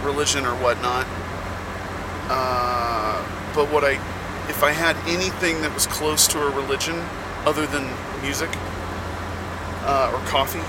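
A man hosting a podcast as a casual, rambling, halting monologue from inside the cab of a truck. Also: fairly high pitch. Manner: slow, halting delivery with many pauses. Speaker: podcast host; touring musician. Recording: loud vehicle noise in truck cab. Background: loud vehicle and air noise.

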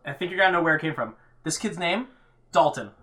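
A man hosting a podcast, chatting enthusiastically and telling a quick story to his co-host. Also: a little high, expressive, sharp tone. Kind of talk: casual banter.

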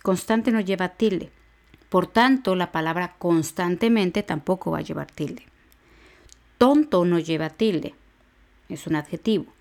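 A woman with a somewhat low voice teaches a grammar lesson on her podcast. She speaks patiently, counting out syllables one at a time and repeating each example word slowly. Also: darkish tone. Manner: slow, syllable-by-syllable spelling out of words. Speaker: podcast teacher for exam preparation.

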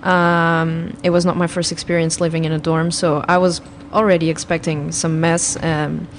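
A woman's voice: low-pitched, level tone, normal speed, slight background noise. A woman, talking hesitantly on a student radio show in a studio. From Portugal. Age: 20s. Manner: hesitant, frequent "um" and "uh". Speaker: student guest. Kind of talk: casual radio chat.

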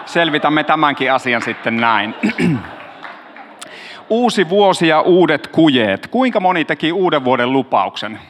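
High-voiced man, chatty joking pastor, casual sermon, long hall echo. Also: sing-song, a bit bright, a little hiss or hum. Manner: joking, chatty, talks to the audience directly.

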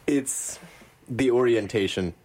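A man's voice: mid-range voice, slow. A man co-hosting a casual podcast and asking playful questions. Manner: relaxed, asks playful questions. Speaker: podcast co-host.

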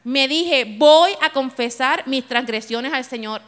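A woman preaching a sermon, emphatic and speaking straight to her congregation, shifting between soft and loud passages. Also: high voice, unhurried. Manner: addresses the congregation directly. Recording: long hall reverb.

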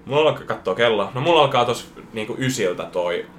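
Young man telling an animated story, echoey room. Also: mid-range voice, slight background noise. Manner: animated, acts out quotes, swears a lot. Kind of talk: casual storytelling chat.

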